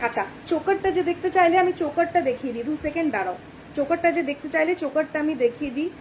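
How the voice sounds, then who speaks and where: Recorded on a phone camera with slight background noise, this fast-talking young woman pitches products on a live stream in a high, chatty voice. She keeps asking "ঠিক আছে?" as she goes.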